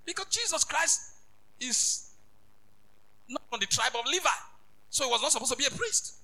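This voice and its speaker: Brief: bishop preaching, very high and sharp voice, emphatic, repeats himself, builds to shouts. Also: male voice, expressive, moderate pace, poor audio. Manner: emphatic, repetitive, rising to shouts. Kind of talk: sermon.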